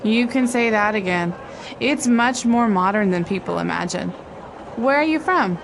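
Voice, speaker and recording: A woman's voice: mid-range voice, animated, moderate pace, gravelly, poor audio. A woman playing a polite commuter making small talk in a scripted textbook dialogue, with vehicle noise behind her. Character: friendly woman working in the city. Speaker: dialogue actor.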